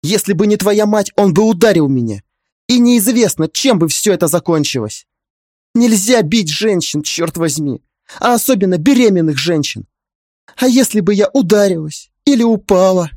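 In an audiobook, a high, strained voice plays a fierce young pregnant woman, pleading and insisting through tears, as a man puts her on. The delivery is sharp-edged against a dry, close sound. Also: lively intonation, moderate pace, no echo. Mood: angry pleading. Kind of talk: audiobook character reading.

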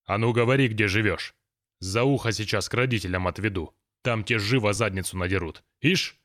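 A gruff, know-it-all grown man, voiced by a male audiobook reader, who lectures his friends slowly and snaps at children. The voice sits low and close, with a dry, unechoing sound. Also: a bit bright, no room sound, natural voice. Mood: scolding. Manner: thoughtful, lecturing, then scolding.

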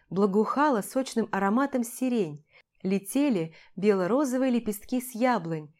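A woman reading a first-person romance story as an audiobook narrator, expressive and lively with the shouted quotes. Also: mid-range voice.

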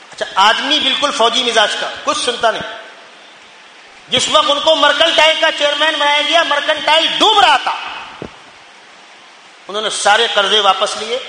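A man from India, a mufti, preaches a fervent Urdu sermon in a mosque hall, using many rhetorical questions and repeated phrases. His high voice is bright and forceful, recorded with long, echoey reverb and slight background noise.

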